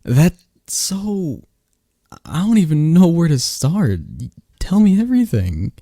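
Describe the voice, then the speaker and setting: A young man with a fairly high-pitched voice speaks slowly in a dry recording. He's an ASMR roleplay performer playing a close friend in a scripted, one-sided conversation, chatting animatedly to someone we never hear.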